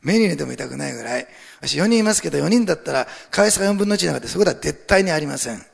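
An older man preaching a sermon as pastor, chatting with the congregation and swinging between near-whispers and loud, rising exhortation. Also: fairly high pitch, lively intonation, rapid-fire, gravelly, breathy edge. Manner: talks to the congregation with questions and asides. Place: church sanctuary. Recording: long hall reverb.

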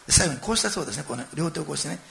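Gravelly, fast-talking animated preacher man. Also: on the high side. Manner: animated storytelling, acting out quoted lines and addressing listeners directly. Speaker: pastor. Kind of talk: sermon.

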